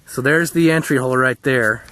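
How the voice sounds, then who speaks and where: A man hosting his own video, giving casual, enthusiastic running commentary to the camera outdoors, chatty and full of pauses, picked up on a camera mic. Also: medium pitch, bright, forceful tone. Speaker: video host. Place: outdoor shooting spot.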